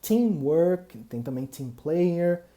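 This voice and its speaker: A man's voice: on the high side, lively intonation, warm tone. Brazilian man teaching English words. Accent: Brazilian Portuguese. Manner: repeats words slowly to model pronunciation. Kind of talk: English lesson for Portuguese speakers.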